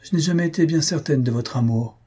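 A man giving voice to a calm, self-sacrificing young woman in an audiobook. She speaks softly through a husky, raised voice. The tone stays dark and mellow. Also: fairly high pitch, brisk, pitched above the performer's own voice. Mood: gentle.

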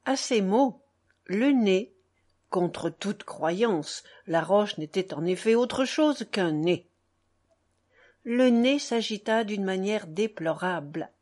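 A woman narrating a classic tale in a measured, expressive reading voice. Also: medium pitch. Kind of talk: audiobook narration.

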